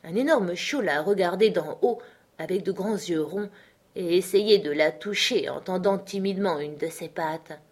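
A woman narrating a storybook audiobook in a soft, even reading voice. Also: lowish voice, moderate pace, slightly rough. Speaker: audiobook reader.

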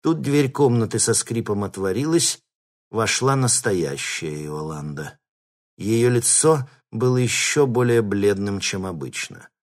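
A man reading an audiobook in steady scripted narration. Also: fairly low pitch, unhurried.

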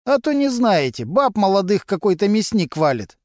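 A man's voice: high voice, very animated, moderate pace, darkish tone, no echo, studio quality, voice pushed up. Vasily, a man doing a brash slangy mechanic. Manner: mocking, brash, full of criminal slang. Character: cocky male mechanic with thieves' slang.

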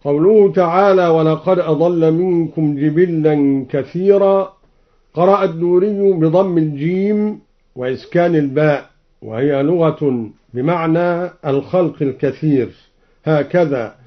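Slow male Quran teacher, old radio. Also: fairly high pitch. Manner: slow, measured explanation alternating with melodic recitation. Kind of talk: explaining reading variants with chanted examples. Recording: dull old radio broadcast.

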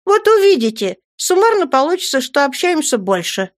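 Woman doing teenage girl, high voice, blunt, fiery, insistent, lively, storybook. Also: normal speed.

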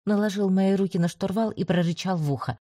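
A woman narrating a first-person story in a steady, even audiobook reading. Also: mid-range voice, brisk, no room sound, clean studio sound.

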